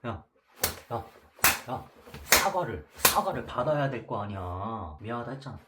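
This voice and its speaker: A man voicing a hot-tempered, pushy teenage schoolboy in a gruff, blunt, demanding way while retelling a film. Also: lowish voice, fairly quick, heavy background noise, lightly acted.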